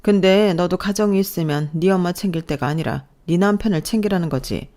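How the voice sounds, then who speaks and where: A belittling, snobbish middle-aged mother-in-law, read by a woman in a scripted story narration. Her voice sits low and sounds mellow and relaxed even as she scolds. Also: fairly quick, natural voice. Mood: scolding.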